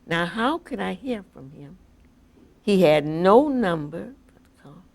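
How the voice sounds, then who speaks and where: A woman's voice: on the low side, animated, a little slow, vocal fry. An older woman telling stories from her life in an oral history interview, acting out what people said. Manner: vivid, acts out quoted dialogue. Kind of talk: personal storytelling.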